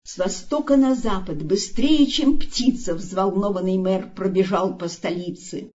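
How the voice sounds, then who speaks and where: Woman narrator, rhymed children's story, slow and expressive, dull lo-fi recording. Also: medium pitch. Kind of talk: storybook reading in verse.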